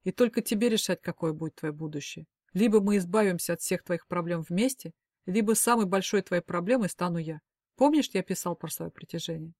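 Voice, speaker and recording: A woman's voice: lowish voice, a little fast, a little mellow, no echo, clean studio sound. A woman voicing a stern domineering young man. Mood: low, menacing. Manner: commanding, harsh.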